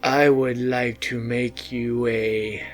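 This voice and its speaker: A man doing a slow, hushed, creepy stranger. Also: level tone, soft background music, close to an everyday voice. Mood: sinister, hushed. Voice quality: slow, low, hushed, drawn-out delivery. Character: creepy male alley stranger who buys butts.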